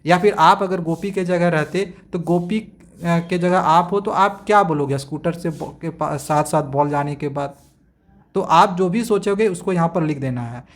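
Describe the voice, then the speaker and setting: Guy teacher walking kids through a lesson, slightly high voice, reads english slow then explains. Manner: explains step by step, often checks "samajh mein aa gaya?".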